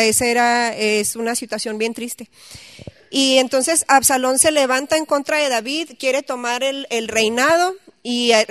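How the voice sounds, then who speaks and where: A woman's voice: a little high, a bit bright, no echo, clean studio sound. Woman teaching a Bible study. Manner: reads scripture aloud, then explains it conversationally with questions to listeners.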